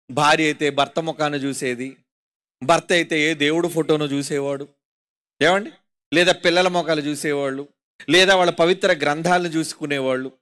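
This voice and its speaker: Male Telugu preacher, high and very animated, scolding with mocking rhetorical questions. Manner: mocking, rhetorical, constantly asking the audience. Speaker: pastor. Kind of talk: sermon.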